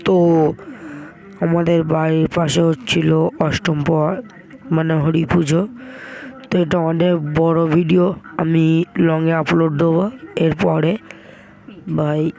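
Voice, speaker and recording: A hoarse young man, chatting casually to viewers as he vlogs and calls them brother. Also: fairly high pitch, darkish tone, low-quality recording. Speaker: vlogger. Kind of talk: casual vlog narration.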